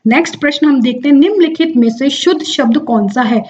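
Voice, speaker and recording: A woman's voice: high voice, expressive, fairly quick, a little mellow, lo-fi sound, slight background noise. A young woman teaching an exam-prep lesson, explaining step by step, drawing out words and answering her own questions. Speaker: Hindi exam tutor.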